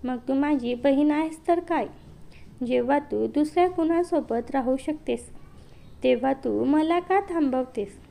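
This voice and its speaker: A woman voicing a cold, firm younger brother in a read-aloud story, in her own slow reading voice. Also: high-pitched, gravelly, warm tone. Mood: cold insistent.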